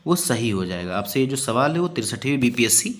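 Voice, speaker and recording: A man teaching a recorded exam-prep lesson. His pitch sits in an ordinary middle range. He explains patiently, leans on fillers and says key figures twice. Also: very animated, a little fast. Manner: explanatory, many fillers and repeated phrases. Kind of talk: exam-prep lecture solving past questions.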